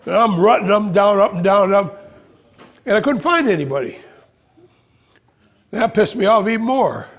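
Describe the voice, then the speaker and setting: An older man telling a spiritual story in an animated way, acting out voices and exclamations. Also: high-pitched, moderate pace, pauses often. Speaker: spiritual speaker. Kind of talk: storytelling talk.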